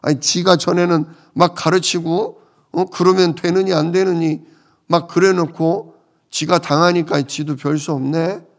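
A man's voice: on the high side, steady tone, unhurried. A male pastor preaching a sermon, explaining scripture and asking his listeners questions. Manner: explanatory, asks the congregation questions.

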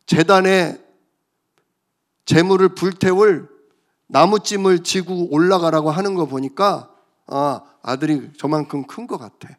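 A male pastor preaching a sermon, telling stories in an animated way and calling out for amens. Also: high-pitched. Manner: animated storytelling, calls for amens.

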